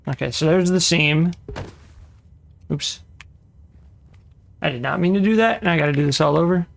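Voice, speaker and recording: A man with a somewhat high, gravelly voice talks casually while he plays a building game. He mutters to himself, corrects himself mid-sentence, and grumbles when things go wrong. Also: moderate pace. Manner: muttering to himself, frustrated asides and self-corrections. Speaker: gaming video creator. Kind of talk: casual gameplay commentary.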